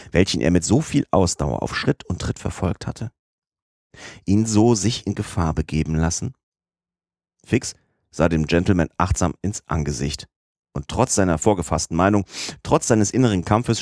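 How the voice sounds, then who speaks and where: A man narrating a classic adventure novel as an audiobook in a measured, even storytelling manner. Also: low voice, no echo, clean studio sound.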